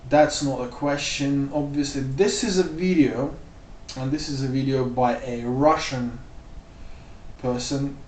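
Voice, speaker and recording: Male vlogger, middle pitch, casual rambling commentary, slight room hum behind. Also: unhurried, darkish tone. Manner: loose and rambling, full of "like" and "you know". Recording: roomy sound, mic off at a distance.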